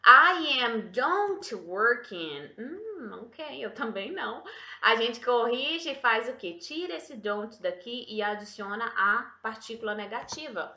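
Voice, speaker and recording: A woman English teacher giving a chatty, affectionate online grammar lesson, slowing right down when she models English example sentences. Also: fairly high pitch, lively intonation, pushed and bright. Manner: chatty, affectionate, calls viewers "meu bem" and "gente". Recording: echoey room, slightly dull sound.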